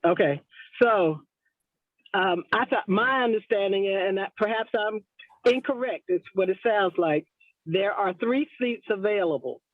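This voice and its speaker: A woman's voice: mid-range voice, unhurried, no room sound. A woman on the board, calling in and asking direct questions over a bad, breaking-up connection. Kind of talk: board meeting discussion. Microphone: phone call into a virtual meeting. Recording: tinny, dry phone line.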